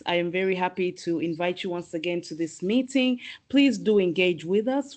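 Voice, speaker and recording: Tanzanian woman hosting a webinar, lowish voice. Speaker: host and moderator.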